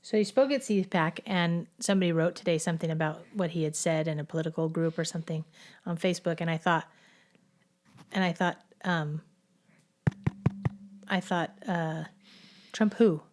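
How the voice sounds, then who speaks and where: A middle-aged woman with a fairly low voice, chatting casually on a podcast. She rambles and restarts her sentences as she goes. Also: steady tone, moderate pace, pauses often. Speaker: podcast co-host. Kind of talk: casual chat.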